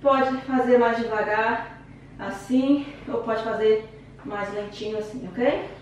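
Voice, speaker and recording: In a very echoey room at home, a distant mic with faint noise captures a Brazilian Portuguese-accented fitness instructor. Her voice is fairly high and slow as she chats, encourages, and counts down reps through a home workout, out of breath from the exercise.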